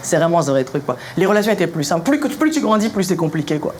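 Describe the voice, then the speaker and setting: A young man performing punchy stand-up comedy in colloquial, slangy language, telling animated stories and acting out dialogue. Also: on the high side, quick pace. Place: live comedy venue. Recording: live show recording with clear noise.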